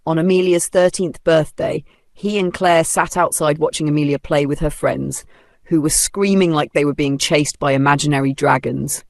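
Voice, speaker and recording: A man's voice: fairly high pitch, steady tone, moderate pace, gravelly, dry recording. Playful Nigerian male storyteller. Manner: playful, humorous asides. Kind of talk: dramatic storytelling narration.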